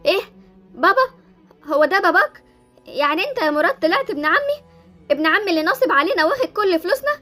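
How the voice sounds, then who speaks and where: A woman's voice: extremely high pitch, lively intonation, fast talker, long pauses, bright, forceful tone, soft background music, exaggerated voice. A woman voicing a proud, emotional young woman in an Egyptian Arabic Roblox drama, who talks dramatically and defiantly. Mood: angry. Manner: dramatic, swings between pleading and defiant.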